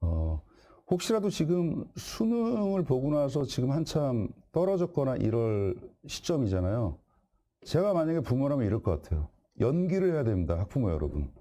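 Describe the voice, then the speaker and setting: A man with a warm, mellow voice speaks to a room of parents in a storytelling talk. His pitch swings up and down a lot as he jokes and fires rhetorical questions at them. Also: big pitch swings, moderate pace. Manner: acts out dialogues, jokey and direct. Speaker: guest speaker at a parents' event.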